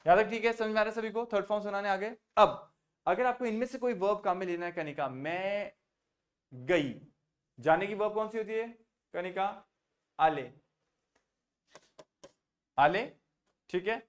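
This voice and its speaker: A man's voice: sits high, moderate pace, long pauses. A male French teacher, patiently explaining verb forms in a mix of Hindi and English and checking often that everyone follows. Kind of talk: online class teaching.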